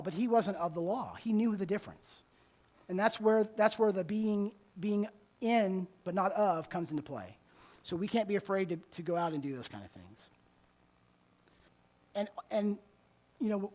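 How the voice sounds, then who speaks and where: A man giving a conversational church talk, often restarting words and checking in with his listeners. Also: sits high. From United States. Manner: conversational, repeats words while restarting, checks in with "okay?" and "right?". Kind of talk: sermon-style talk.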